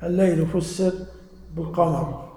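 In a hall with long, echoing reverb, a man gives a religious lesson to a live audience. His voice is mellow, on the high side, level in tone and normal in speed, and he explains things patiently while quizzing listeners with questions.

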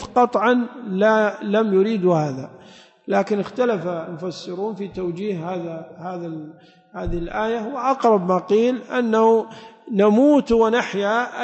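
A man's voice: sits high, a little mellow. A man giving a Quran exegesis lesson, explaining step by step and quizzing his listeners with short questions. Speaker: religious teacher. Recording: echoey hall, dull lo-fi sound.

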